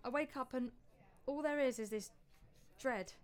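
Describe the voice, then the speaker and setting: A woman playing an anxious young wife who talks in halting, stammering bursts. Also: high-pitched. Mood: anxious, confessional. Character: anxious young wife, newly married, uneasy. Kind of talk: audio drama acting.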